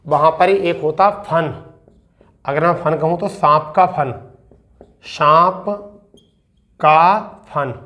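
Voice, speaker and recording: A male teacher leads an online exam-prep lesson on spelling. His voice sits a little high, and he repeats every point. He poses questions to his students and answers them himself. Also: slow, pauses often, bright, forceful tone. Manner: repetitive, asks and answers own questions; addresses students as beta.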